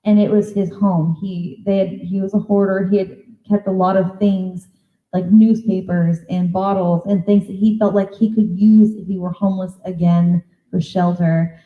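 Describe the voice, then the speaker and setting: A woman at a convention talk tells stories at a moderate pitch, acting out each conversation as she goes. The room is echoey and the sound is thin, like it is coming through a phone line. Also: normal speed. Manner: lively storyteller who acts out conversations. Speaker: psychic medium giving a talk. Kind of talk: anecdotal storytelling presentation.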